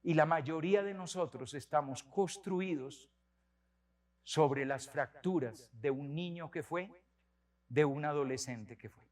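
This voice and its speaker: A man's voice: fairly high pitch, unhurried. Priest in his sixties, storytelling. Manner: animated storytelling, many repetitions. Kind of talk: sermon.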